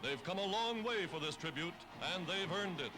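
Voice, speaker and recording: Newsreel narrator, man: punchy wartime delivery, pitched high, music bed under, old newsreel sound. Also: lively intonation, normal speed. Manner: dramatic, punchy announcing. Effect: old newsreel recording with music.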